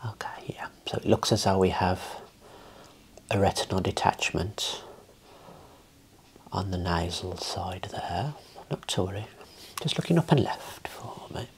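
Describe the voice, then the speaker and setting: A deep-voiced man, speaking a little slowly and mostly in a whisper, plays an optometrist in an ASMR eye exam, calmly guiding with soft, reassuring instructions.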